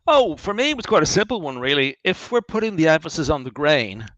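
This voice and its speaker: A man's voice: fairly high pitch, fairly quick, dry recording, poor audio. Chatty Irish man giving a distillery tour. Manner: chatty and animated, wry asides, thinks aloud with restarts. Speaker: distillery founder leading a tour. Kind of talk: guided tour talk, answering questions.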